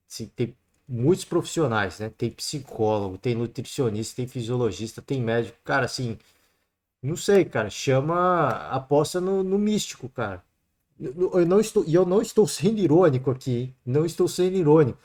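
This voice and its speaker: Chatty Brazilian man talking football. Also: on the high side. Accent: Brazilian Portuguese. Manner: chatty, peppers talk with "né" and "cara". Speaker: sports podcast host. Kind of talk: solo football commentary.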